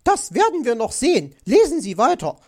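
A storybook narrator voicing Mrs. Magpie, a vain, excitable female magpie who nags and screeches. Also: normal speed, gravelly. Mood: excited. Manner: shrill, nagging.

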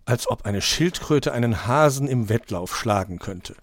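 A man's voice: medium pitch, animated, measured pace, no echo, clean studio sound. A man doing a scoffing hare wife.

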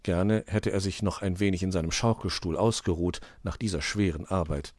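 A man narrating a children's storybook aloud with expressive storytelling. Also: sits low, normal speed, no room sound.

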